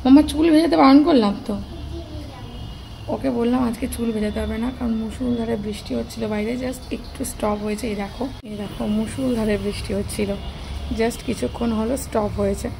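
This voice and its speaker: A woman's voice: fairly high pitch, flat delivery, a little fast, vocal fry, background noise. A young woman with a Bengali accent, a mother of two, chatting casually to her viewers in a home vlog. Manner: chatty, speaks softly at times so the baby stays asleep.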